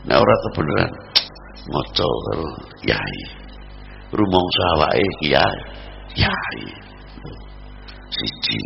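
A man with a Javanese accent preaching a sermon, swinging between loud exhortation and low murmurs. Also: sing-song, slow pace, gravelly, pauses often. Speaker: Islamic preacher. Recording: dull lo-fi recording with noise.

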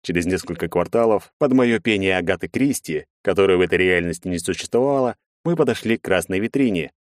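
A man reading a first-person audiobook in a measured, expressive way. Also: sits low, dry recording, clean studio sound. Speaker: audiobook narrator.

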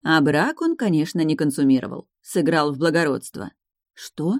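A woman voicing a haughty, sharp-tongued dragoness lady in an audiobook, talking high, loud and scornful. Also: big pitch swings, moderate pace, no echo, clean studio sound. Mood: knowing. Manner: scornful, commanding, raised and loud. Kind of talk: audiobook character reading.

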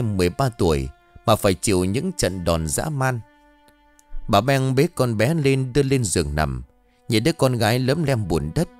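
A man reading an audio story aloud in an expressive, dramatic narration style. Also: mid-range voice.

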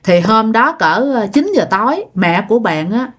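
A woman's voice: fairly high pitch, moderate pace, husky. Southern vietnamese woman telling ghost stories, chatty, voice bounces all over. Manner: chatty, animated, repeats words for effect. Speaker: storyteller. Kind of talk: retelling listener ghost stories.

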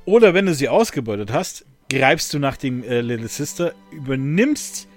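A man's voice: medium pitch, lively intonation, moderate pace. Man, podcast host, casual chat, lots of fillers, faint music behind. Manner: rambling, many fillers and restarts; laughs often.

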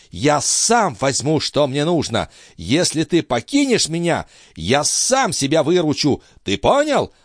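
A man voicing an ancient, frail male alchemist, wrathful and scornful, with a weak, quavering old voice and shrill shouting outbursts. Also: no echo, clean studio sound, full character voice. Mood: menacing. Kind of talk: audiobook character voice.

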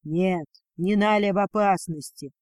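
A man's voice: high-pitched, normal speed, darkish tone, no echo, clean studio sound, lightly acted. A man voicing a stern, possessive male dragon lord who speaks coldly and curtly in a storybook reading. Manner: cold, curt, clipped.

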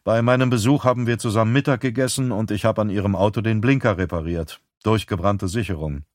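A man's voice: fairly low pitch, fast, a little mellow, dry recording, clean studio sound, natural voice. A man reading an audiobook, playing a guarded man under questioning who gives terse, defensive answers.

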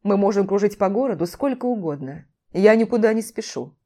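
A woman voicing a domineering ex-husband in an audiobook, speaking in a flat, calm, mocking way. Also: medium pitch, normal speed, natural voice. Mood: calm cold.

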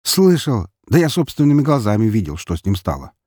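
A man's voice: lowish voice, expressive, moderate pace, a little mellow, husky, no room sound, studio quality. A man voicing a weary, cynical male investigator who grumbles and snaps sarcastically. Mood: irritable.

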